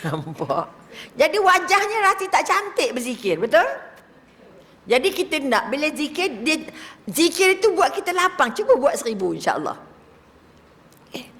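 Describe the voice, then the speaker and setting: A fairly high-voiced older woman with a Malaysian Malay accent, teaching religion to an audience. She talks lively, keeps asking her listeners questions, and sometimes drops to a whisper to show how a prayer should sound. Her voice rings with the long echo of a large hall. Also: moderate pace. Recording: reverberant hall.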